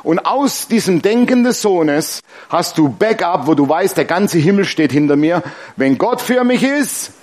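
A man's voice: high-pitched, measured pace. A man preaching a sermon, telling stories with laughter and asking the congregation questions. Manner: lively storytelling with laughs and congregation call-and-response. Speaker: pastor.

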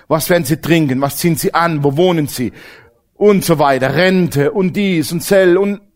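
Animated preacher, wide pitch swings. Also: male voice. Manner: animated, jokes with the congregation, swings from loud to hushed. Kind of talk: lively sermon.

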